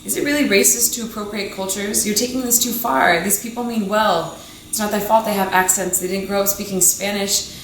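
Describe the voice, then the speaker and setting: A young adult woman, a student poet, giving a measured, emphatic poetry reading. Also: medium pitch, fairly even intonation. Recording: echoey room, faint background noise.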